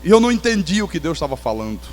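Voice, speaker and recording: High-voiced Brazilian pastor in echoey hall. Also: male voice, rapid-fire. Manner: animated storyteller with touches of humor. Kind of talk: sermon testimony storytelling. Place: church sanctuary.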